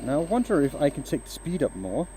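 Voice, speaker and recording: This rough recording has a bit of hiss or hum and captures a Danish-born man's fast, dark-toned voice, pitched on the high side with big swings. He's livestreaming his woodturning from a home workshop lathe, talking to viewers as he works. His chat is loose and hesitant, with lots of fillers and restarts.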